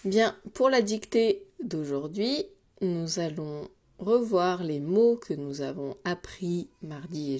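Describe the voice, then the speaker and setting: A woman teacher leading a daily dictation lesson for young children, patient and clear, repeating each syllable and word slowly. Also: fairly low pitch, dark tone. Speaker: primary school teacher.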